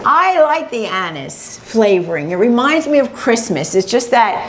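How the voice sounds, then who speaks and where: A woman's voice: a little high, big pitch swings, normal speed. An older woman demonstrating a family recipe, explaining each step plainly and practically. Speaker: home cook demonstrating a recipe. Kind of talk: casual cooking demonstration.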